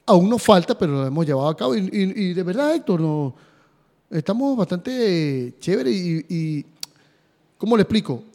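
Sports podcast cohost guy, kinda high voice but mellow, chatty, echoey room. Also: big pitch swings, normal speed. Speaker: podcast co-host. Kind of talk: casual chat. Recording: reverberant room.

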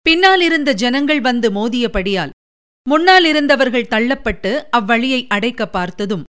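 Woman narrator, historical novel reading, steady delivery, smooth clear tone, fairly high pitch.

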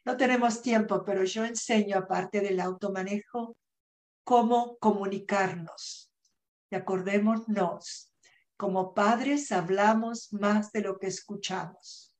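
A woman coach talks very slowly and deliberately in a podcast interview. Her pitch sits in the middle of the usual range. She acts out her own inner thoughts and now and then drops English words into her Spanish. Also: a little mellow. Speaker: self-management coach and guest.

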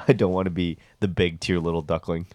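Very deep-voiced joking male co-host. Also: steady tone, quick pace, a little mellow, no echo. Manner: joking, needling banter. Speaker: podcast co-host. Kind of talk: casual chat.

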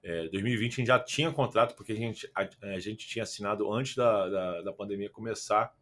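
Speaking briskly with a fairly low yet fairly bright voice, this young Carioca from Rio de Janeiro chats as a podcast guest via remote call. The football content creator meanders through the casual conversation, full of fillers and restarted sentences.

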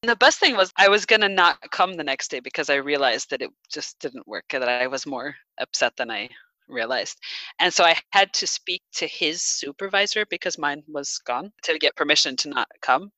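A woman in her thirties tells a personal story in an animated, chatty way, full of fillers and quick laughs. Her voice sits a bit low but sounds bright and forceful, recorded dry and close. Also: dry recording, poor audio. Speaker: guest telling a personal story. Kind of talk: casual storytelling.

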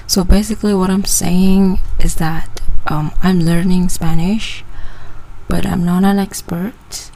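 A woman's voice: lowish voice, fairly even intonation, slow, dark tone, rough recording. A woman in her twenties from Malaysia, hosting a casual personal podcast and often hesitating and restarting her phrases. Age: 20s. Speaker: podcast host.

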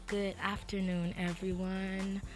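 A woman's voice: mid-range voice, little pitch movement, slow pace, soft background music. A young woman from the Bahamas with a Bahamian accent, a singer answering interview questions earnestly in a radio studio. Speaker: guest singer.

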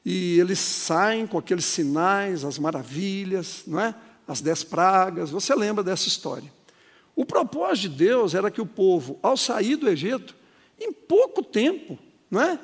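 Husky pastor with a lively voice. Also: male voice, sits high, unhurried, long reverb tail. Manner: dramatic, swooping storytelling. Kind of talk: sermon with a personal story.

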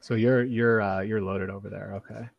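A man's voice: lowish voice, fairly even intonation, normal speed, creaky, no room sound, dull audio. A man in a casual chat, easygoing and rambling, often restarting his sentences. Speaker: podcast co-host.

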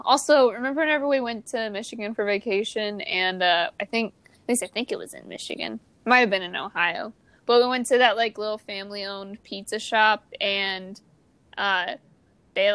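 A woman's voice: medium pitch, fairly bright tone, clear, resonant tone, dry recording. A young woman from Missouri with a Midwestern accent, co-hosting a casual chat podcast, rambling and swearing freely. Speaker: podcast co-host.

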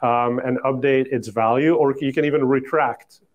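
A man hosting a casual podcast interview, asking curious questions quickly with plenty of fillers. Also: medium pitch, steady tone, dull audio. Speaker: podcast host.

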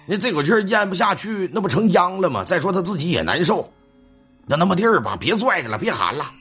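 A man voicing an elderly grand-uncle who talks low and steadily. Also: sing-song, quick pace, a bit bright, slightly rough, soft background music, heavily acted. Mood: calm persuading. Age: older.

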